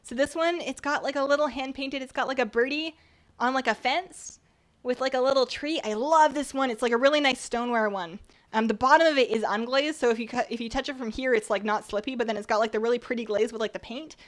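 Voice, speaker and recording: A young woman from British Columbia, Canada, talks fast in a high-pitched voice while streaming from her home kitchen. She rambles casually as she bakes and reads chat, and her voice sounds worn because she is recovering from a recent cold.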